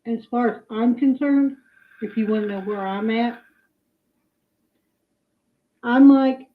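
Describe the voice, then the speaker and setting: A woman's high voice comes through a narrow, phone-like recording. She talks slowly and casually, giving opinions with halting emphasis. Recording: muffled, phone-like playback.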